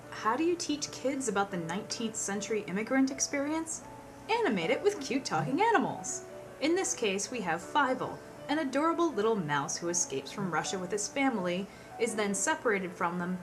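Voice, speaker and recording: A woman presenting a scripted film countdown in a wry, conversational manner. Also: medium pitch.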